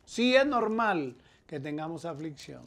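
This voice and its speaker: Gravelly-voiced Colombian pastor preaching. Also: male voice, fairly high pitch, big pitch swings, a little slow. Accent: Colombian Spanish. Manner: earnest preaching, rising and falling loudness. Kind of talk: sermon.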